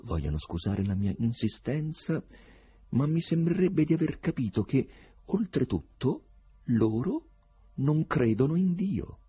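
A man voicing a courteous foreign stranger in a radio reading of a novel, slow and exaggeratedly polite. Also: medium pitch, sing-song, warm tone, slightly rough, faint music behind, voice pushed up, heavily acted. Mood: ingratiating. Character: suave foreign stranger, courteous, eerily curious.

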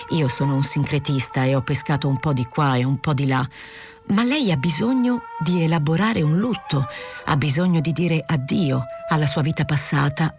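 In an audiobook, a woman voices a middle-aged male doctor who is calm and frank, speaking in a probing, gently lecturing manner. She uses a deep voice for him.

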